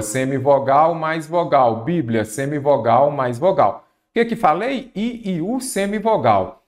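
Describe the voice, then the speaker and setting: A Brazilian Portuguese teacher going through exam grammar questions, asking himself questions and answering them, drawing out key words. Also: male voice, a little high. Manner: stretches out key words, then speeds up. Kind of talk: exam-prep grammar lesson.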